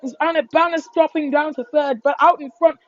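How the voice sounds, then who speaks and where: A high-voiced woman works as a motorsport commentator, calling a race live. Her delivery follows the action and lifts with it. The sound is dull and slightly lo-fi. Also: fairly even intonation, a little fast. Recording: dull lo-fi microphone.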